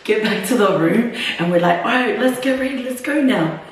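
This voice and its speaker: Young female vlogger, casual and chatty, raised-pitch voice, boomy room recorded from a distance. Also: animated, brisk, noisy background. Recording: echoey room, mic at a distance.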